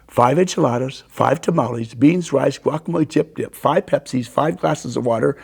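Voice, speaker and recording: An older man as a guest, telling animated stories and acting out the quotes. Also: mid-range voice, moderate pace, creaky, breathy edge. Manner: animated storyteller, acts out quotes. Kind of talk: storytelling in a conversation.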